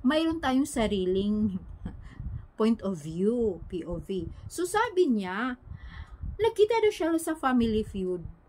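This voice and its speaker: Woman, slightly high-pitched, casual gossip host talking straight to her followers, with a faint hiss behind her. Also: very animated, slow, long pauses, a little mellow, poor audio. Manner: chatty, retells hearsay, keeps asking the audience for agreement. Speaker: showbiz gossip vlogger. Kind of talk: casual gossip commentary to viewers.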